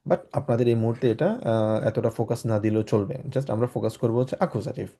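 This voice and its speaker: A man's voice: medium pitch, brisk, dark tone. A man teaching a German class to students, patiently explaining and often asking if everyone is following. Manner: patient, often checks in with "ঠিক আছে?"; mixes English words into his explanations. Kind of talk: online class lecture.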